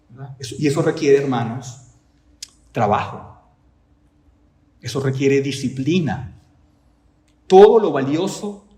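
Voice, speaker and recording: A man's voice: on the high side, dark tone. Emphatic preaching man, echoey room. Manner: emphatic preaching with repeated rhetorical questions. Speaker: pastor. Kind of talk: sermon.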